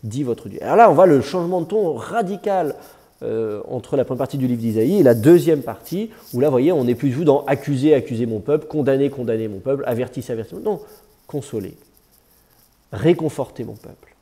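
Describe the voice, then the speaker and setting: A man's voice: mid-range voice, expressive, a little fast, mellow, slightly rough. A man teaching a classroom lesson, patiently explaining and correcting students as they read aloud. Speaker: teacher of biblical Hebrew. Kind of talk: classroom lecture.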